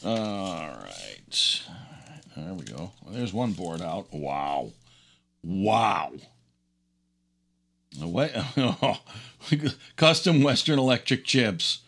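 This hobbyist teardown host, middle-aged or older, chats in a rambling, eager way as he works at an indoor bench, laughing lightly often. His voice is lowish but fairly bright.

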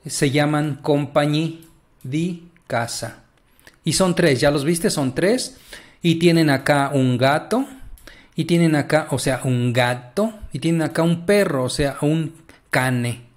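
A man's voice: a little high, slow. A man teaching a casual language lesson, chatty and encouraging, stretching out words as he explains.

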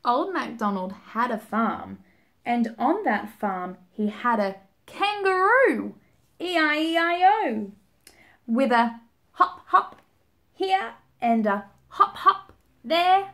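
Young woman for a children's storytime. High and sing-song, unhurried, gasps and invites the child to join in. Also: big pitch swings, fairly bright tone. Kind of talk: reading and singing a picture book to young children. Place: small indoor room, seated at home.

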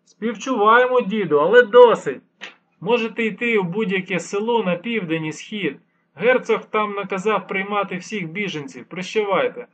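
Young male palace guards, impatient and dismissive, talking down to a pestering old man, as a man reads them out. The voice sits high and loud over a husky tone, in a dull lo-fi recording. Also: moderate pace. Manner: dismissive, then angry shouting.

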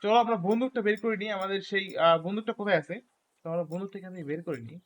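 A man giving casual gameplay commentary, chatting to his viewers and repeating words when excited. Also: high-pitched, quick pace. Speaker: gaming YouTuber.

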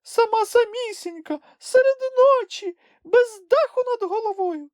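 Woman voicing Sniff, a shrill excitable creature. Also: no echo, clean studio sound. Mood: sentimental. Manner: emotional, sulky, quick to tears. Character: small excitable whiny male creature.

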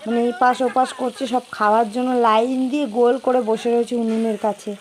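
Hoarse middle-aged lady chatting on a phone vlog, slightly high voice, walks and points stuff out. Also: level tone, quick pace, crowd noise. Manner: chatty, walking and pointing things out. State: hoarse from a cold. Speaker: family vlogger. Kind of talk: casual vlog narration.

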